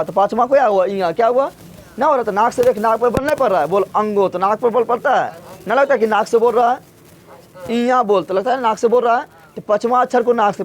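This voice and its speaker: Guy teaching class, high voice, drills sounds out loud and quizzes the kids. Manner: drills syllables aloud, quizzes students, scolds them. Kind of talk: classroom grammar lesson.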